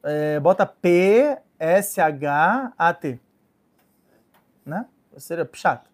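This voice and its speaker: A man with a Brazilian Portuguese accent giving an informal Torah lesson as a rabbi, lively and joking, often acting out little voices. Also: fairly high pitch, extremely slow. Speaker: rabbi teaching a Torah class.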